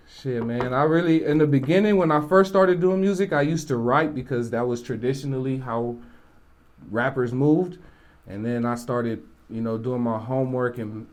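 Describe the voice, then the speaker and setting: A man from Jamaica, a rapper, talking casually in an interview, relaxed and rambling with many asides. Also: medium pitch. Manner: relaxed, rambling, with frequent "you know" asides.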